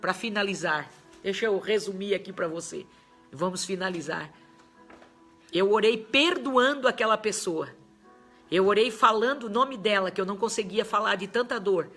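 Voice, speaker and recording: A woman pastor shares a heartfelt testimony in a bright, clear voice. She speaks earnestly, pausing for effect and slowing right down on the lines that matter most. Soft music plays faintly underneath. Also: mid-range voice. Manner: earnest, dramatic pauses, slows down when quoting. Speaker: pastor and missionary. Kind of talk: emotional personal testimony.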